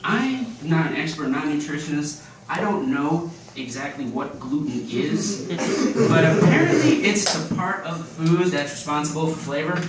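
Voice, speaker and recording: Male stand-up comic, deadpan delivery, slightly high voice, recorded from far off in a noisy club. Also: moderate pace, hardly any pauses. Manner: deadpan one-liners with chuckles. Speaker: stand-up comedian. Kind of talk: stand-up comedy set. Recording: echoey club audio from a distance. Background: audience laughter and room noise.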